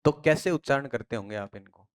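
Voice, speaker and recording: This English teacher from India speaks rather quickly in a clear, resonant, medium-pitched voice during a pronunciation lecture. Throwing questions at the class, he supplies the answers on his own and has the key phrases repeated again and again.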